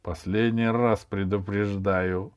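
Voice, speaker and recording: A man's voice: mid-range voice, big pitch swings, measured pace, pitched above the performer's own voice. A man reading a storybook, voicing a strict, commanding schoolgirl who bosses a classmate around. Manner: stern, commanding. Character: stern bossy schoolgirl, strict and threatening.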